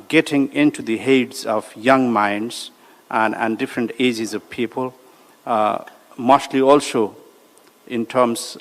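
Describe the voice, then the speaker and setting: A diplomat from Nepal asks a formal question, his mid-pitched voice hesitant and broken by fillers. The long reverb of a large hall surrounds him.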